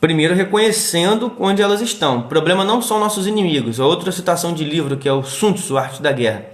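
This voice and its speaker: Middle-aged Brazilian male therapist, live-stream host; slightly high voice, animated delivery, roomy echo. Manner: animated, acts out quick quoted voices. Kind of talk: casual live-stream talk. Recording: echoey room.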